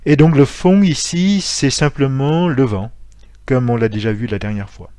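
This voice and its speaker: A man teaching a lesson, explaining with frequent pauses and self-corrections. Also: medium pitch, mellow, no room sound, clean studio sound. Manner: hesitant, many fillers and self-corrections; explanatory, spells out letters and sounds. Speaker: martial arts instructor.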